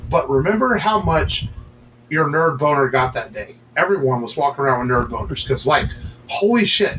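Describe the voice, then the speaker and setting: A man's voice: on the high side, sharp tone, slight background noise, low-quality recording. A man co-hosting a casual podcast chat, rambling with many fillers and restarts. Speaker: podcast co-host.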